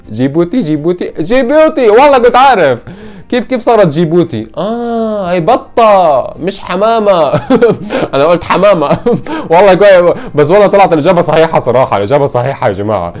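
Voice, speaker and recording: A young man, hosting a casual puzzle video, thinking aloud and jumping up in pitch when he gets an answer. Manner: thinks aloud, spells out letters, pitch leaps when excited. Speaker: YouTube host. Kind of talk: casual puzzle-solving commentary.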